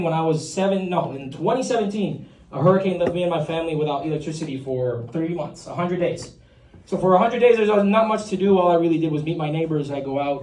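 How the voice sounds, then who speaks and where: A young man from Puerto Rico performing a stand-up set on a comedy club stage, chatty and self-deprecating and ribbing the crowd. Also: fairly high pitch. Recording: roomy club recording from a distance with a loud crowd.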